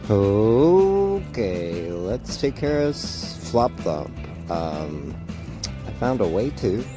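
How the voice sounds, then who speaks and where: Slow, rambling low-voiced man. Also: music in the background. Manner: relaxed, rambling, many fillers. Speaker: solo game narrator. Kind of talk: casual solo tabletop narration.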